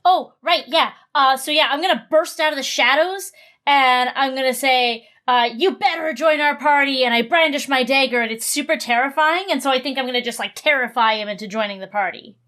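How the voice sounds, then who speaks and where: A woman's voice: high-pitched, brisk, sharp tone. A woman playing a tabletop game, chatting casually, eager and slightly flustered. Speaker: player.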